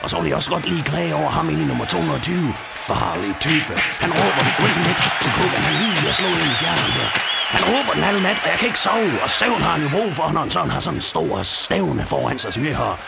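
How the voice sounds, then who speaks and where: An actor voicing a boastful, muscle-bound hotel guest in a cartoon dub, ordering greedily. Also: male voice, on the high side, animated, loud music behind the voice, a loud crowd. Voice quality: gravelly. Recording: hissy old dub track.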